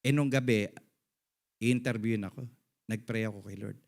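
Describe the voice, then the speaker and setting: A man's voice: normal speed, vocal fry. A middle-aged man preaching as a pastor, mixing English phrases into his sermon and calling for "Amen" from the congregation. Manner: swings between quiet, low asides and loud, high-pitched emphasis. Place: church service.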